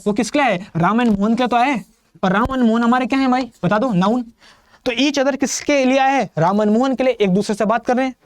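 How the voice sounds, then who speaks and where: A man's voice: sits high, no room sound, clean studio sound. A man teaching grammar in a classroom lecture style, constantly asking his students questions and answering them himself, with English terms mixed into his talk.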